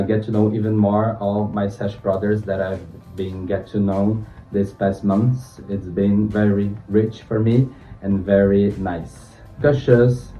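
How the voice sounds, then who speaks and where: A man in his thirties from Brazil with a low voice, upbeat in his self-introduction. The sound is tinny and phone-like, picked up from a distance, with echo and faint music behind. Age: 30s. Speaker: contest candidate, science teacher.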